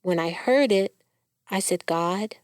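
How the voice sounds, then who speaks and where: A woman's voice: fairly low pitch, measured pace, dry recording, clean studio sound. Candid woman telling her survival story. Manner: candid, animated storytelling with quoted dialogue. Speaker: cancer survivor guest. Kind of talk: personal storytelling in a podcast.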